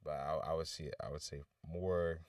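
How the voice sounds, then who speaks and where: A man's voice: rumbling low, steady tone, normal speed, a little mellow, no echo, studio quality, recorded from a distance. A man giving candid, loose and rambling feedback on submitted songs during a casual livestream. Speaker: livestream music reviewer.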